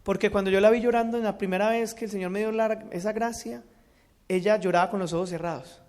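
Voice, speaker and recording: A man gives an earnest religious testimony, shifting between loud and hushed. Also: sits high, fairly even intonation, quick pace. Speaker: speaker giving a testimony.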